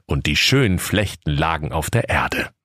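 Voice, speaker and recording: A man with a northern German accent narrating a comic fairy tale in a lively, playful way. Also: very deep voice, moderate pace, no echo, clean studio sound. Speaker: storyteller.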